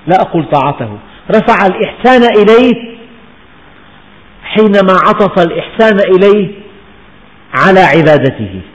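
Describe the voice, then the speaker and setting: Older guy preaching slow and emphatic, kinda higher voice, dull lo-fi sound with long hall echo. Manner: slow, measured, emphatic delivery with dialect asides. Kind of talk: Quran exegesis lesson. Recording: lo-fi recording with long hall reverb.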